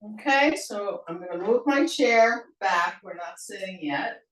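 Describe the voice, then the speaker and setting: A woman teaching a senior yoga class, giving slow, gentle cues and leading playful laughter exercises. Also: medium pitch. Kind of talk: guided exercise class instruction. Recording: echoey room, mic at a distance.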